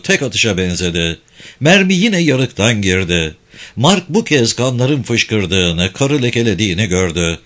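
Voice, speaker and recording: A man narrating a war novel as an audiobook, with tense, expressive storytelling. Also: mid-range voice.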